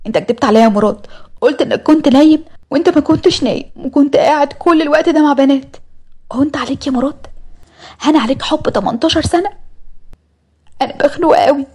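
A woman's voice: high-pitched, fast talker, darkish tone, pitched above the performer's own voice, lightly acted. A woman with an Egyptian accent voicing a hurt, tearful teenage girl in a pleading, raised voice. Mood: upset, pleading. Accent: Egyptian Arabic.

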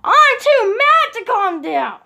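Comedic vlog character: a woman doing a jealous eleven-year-old boy, very high, bright voice, rambling and quick to rage. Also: big pitch swings, heavily acted. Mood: furious.

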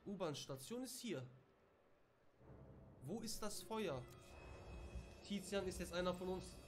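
A young man with reacts to a horror game from his room at home, his voice sitting high. He gets jumpy and curses under pressure, and a clear hum of background noise runs under the stream. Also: expressive, slow pace. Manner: jumpy, swears, shouts when startled. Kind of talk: casual let's play commentary.

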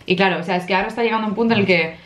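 A woman's voice: mid-range voice, rapid-fire, echoey room, slight background noise. A young woman from in her twenties, worn out from lack of sleep, rambling through a casual vlog with lots of fillers and emotional asides. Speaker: vlogger.

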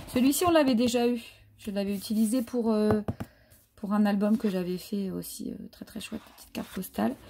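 A woman's voice: mid-range voice, warm tone, a little hiss or hum. A woman chatting casually through a craft haul, hesitant and full of fillers. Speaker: craft vlogger. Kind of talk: casual haul show-and-tell.

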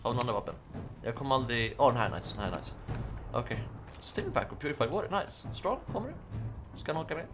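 A young man giving casual, excitable commentary while playing a video game, yelping and shouting during fights. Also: medium pitch, over music. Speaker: gaming YouTuber. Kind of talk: casual Let's Play commentary.

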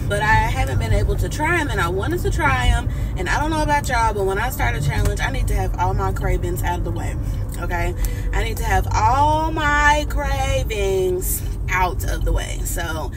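Upbeat lady vlogging in her car, calls everyone honey, kinda high voice, road noise. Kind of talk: casual chatty vlog talk. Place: inside a car.

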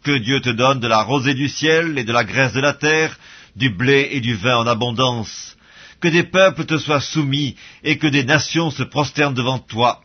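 Old father figure voiced by a male reader; solemn, husky, muffled audio. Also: mid-range voice, normal speed, close to an everyday voice. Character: old blind father blessing his son. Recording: dull lo-fi audio.

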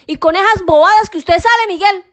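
A woman's voice: very high voice, a little fast. A woman playing an exasperated mother in a comedy sketch, scolding and cursing at her son. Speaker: sketch actor.

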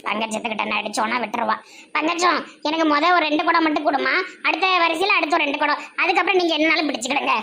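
A woman with a Tirunelveli Tamil accent, playing a loud quarrelsome villager in a comedy sketch. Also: high voice, racing, creaky.

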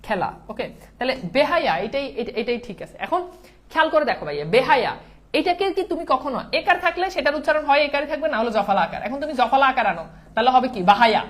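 Fast-talking woman tutor, high voice, quizzing and answering herself. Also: sing-song. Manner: asks rhetorical questions and answers them herself. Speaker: teacher. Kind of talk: online exam-prep lesson.

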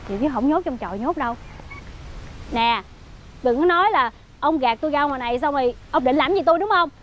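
A woman's voice: high-pitched, animated, a bit bright. An actress playing an outspoken young woman with a Southern Vietnamese accent who scolds a man and cries out for a boy she protects. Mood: indignant. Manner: scolding, quick to cry out. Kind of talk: TV drama acting. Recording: film dialogue under background music.

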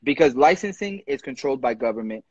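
This young man's mid-range voice is animated and slightly rough as he, a barber educator, chats casually and passionately on a live stream, emphatic and quick to restart. He records in a room at home with a ceiling fan, the phone's front camera held at arm's length, giving dry, dull lo-fi audio.

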